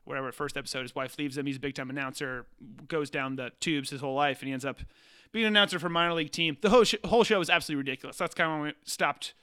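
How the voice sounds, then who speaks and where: A young man co-hosting a casual comedy podcast, animated and jokey, recapping shows and tossing in quick put-on quotes. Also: fairly high pitch, clear, resonant tone. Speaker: podcast co-host.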